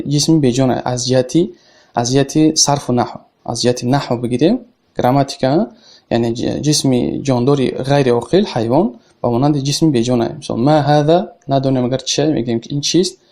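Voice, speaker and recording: Male teacher with a Tajik accent and a dark, mellow tone, giving a casual, patient lesson. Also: medium pitch. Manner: reads Arabic phrases slowly, then explains them in plain speech. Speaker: Arabic teacher.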